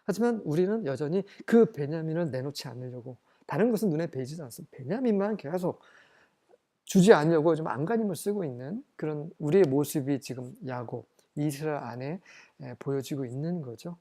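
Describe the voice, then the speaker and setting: Bible study lecturer who reads verses slowly, then explains them with rhetorical questions. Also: medium pitch, expressive, dark tone. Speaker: English Bible teacher.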